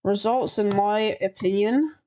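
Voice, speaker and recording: A woman hosting a reaction video, talking in a slangy, halting way as she thinks aloud and gives ratings. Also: mid-range voice, warm tone. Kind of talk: casual reaction commentary.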